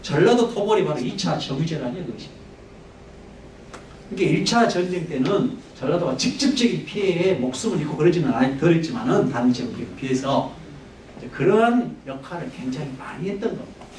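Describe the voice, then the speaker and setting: A man's voice: a little high, expressive, fairly quick, a little mellow, a little hiss or hum. A man giving a public history lecture, chatty and conversational, often putting questions to his audience. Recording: echoey hall, mic at a distance.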